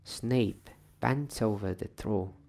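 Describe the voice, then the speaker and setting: Reading a bedtime story aloud, a male storyteller uses a gentle ASMR delivery: low, husky, very creaky, and slow. He takes his time, staying hushed and at moments whispering.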